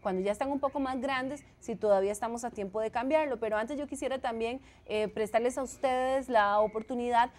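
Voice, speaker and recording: A woman's voice: a little high, fairly quick, hardly any pauses. Woman hosting a call-in show. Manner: announcing, welcoming callers. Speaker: program host.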